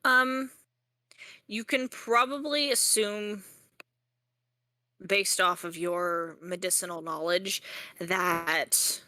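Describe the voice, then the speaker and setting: A young woman acting as game master in a casual tabletop session, laughing often and pausing with fillers as she explains the rules. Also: on the low side, fairly even intonation, pushed and bright, dry recording. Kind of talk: narrating a tabletop game over voice chat.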